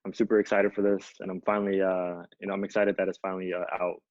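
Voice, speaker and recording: Low, flat-voiced man telling stories. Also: fast talker, dry recording, lo-fi sound. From Ethiopia. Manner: relaxed, many fillers like "you know" and "uh". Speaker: featured artist. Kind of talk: conversational storytelling.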